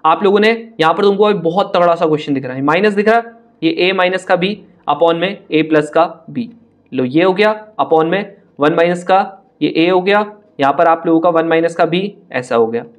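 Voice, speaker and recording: A young man with a high, bright-sounding voice talks a class through maths problems step by step. He chats straight at the students and brushes off hard-looking questions with a teasing laugh in his voice. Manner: brisk, chatty, addresses students directly, mocks hard-looking questions. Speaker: maths teacher. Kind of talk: online exam-prep lesson.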